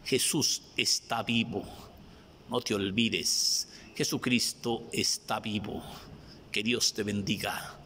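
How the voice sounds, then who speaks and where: A man delivering an impassioned sermon at a slow, deliberate pace. His voice is bright and forceful, with a long reverb trailing each phrase. Faint noise sits underneath. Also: fairly low pitch, steady tone. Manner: impassioned, repetitive calls to cry out to the Lord. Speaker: preacher.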